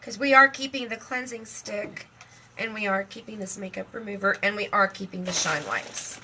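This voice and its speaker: A middle-aged woman chatting casually on a live stream, emotional and talkative, laughing often and speaking warmly about her faith. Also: medium pitch, normal speed, husky. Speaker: live video host.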